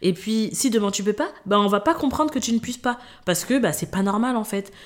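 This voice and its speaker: A woman's voice: mid-range voice, brisk. A woman hosting a podcast, talking casually and directly to the listener and repeating words for emphasis. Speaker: podcast host. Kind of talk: casual advice monologue.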